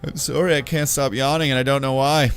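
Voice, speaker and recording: A man's voice: medium pitch, steady tone, a little fast, faint music behind. A man from Canada streaming a game, chatting casually and reading game text aloud. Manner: chatty, rambling, light-hearted. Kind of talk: casual let's-play commentary and reading aloud.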